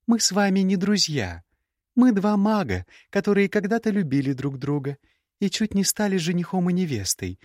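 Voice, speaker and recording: Taking on a sharp-tongued, sarcastic young woman mage for an audiobook, a man reads her lines high-pitched and widely swinging, sing-song at normal speed with a slightly mellow tone. She mocks and cuts down her ex-lover with icy scorn. The sound is dry and close, without echo or room sound.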